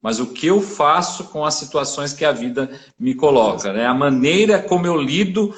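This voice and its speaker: A man's voice: on the high side, expressive, moderate pace, echoey room. A man hosting a casual chat, agreeing with the guest and reading out viewer comments. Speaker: host. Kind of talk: casual chat on a live stream.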